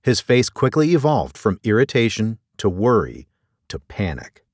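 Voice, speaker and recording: A man narrating a story in an expressive storytelling delivery. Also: on the low side, moderate pace, no echo, studio quality. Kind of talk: audiobook narration.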